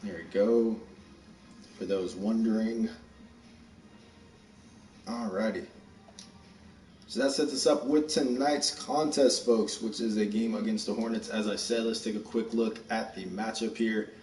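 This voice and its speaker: A breathless man from Texas hosts a casual, rushed live stream of a basketball video game. His voice sits fairly low and sounds a bit far from the mic. The room around him is echoey, with a faint hum underneath. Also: darkish tone. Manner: casual, rushed, chatty, upbeat. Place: room at home. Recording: roomy echo, distant mic, faint background hum.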